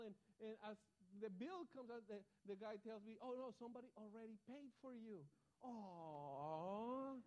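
A man with a notably high voice preaches to his congregation. He is a middle-aged pastor who tells personal stories with animation and often restarts his sentences as he goes. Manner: animated storytelling with frequent restarts.

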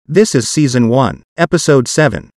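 A man's computer-generated voice, like an old speech synthesizer, hosts a podcast with scripted, evenly articulated, machine-like narration. The voice is mid-range and animated at a moderate pace, and the recording is dry with studio quality.

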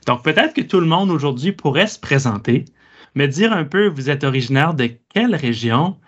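A man hosting a discussion, asking students measured, inviting questions. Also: a little high, expressive, slightly rough. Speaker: host. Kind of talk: hosted discussion. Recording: dull lo-fi sound.

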